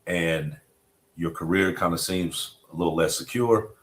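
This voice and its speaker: A middle-aged man with a low, fairly bright voice hosts a podcast conversation at an unhurried pace. He is reflective and repeats himself, often asking "you know what I mean."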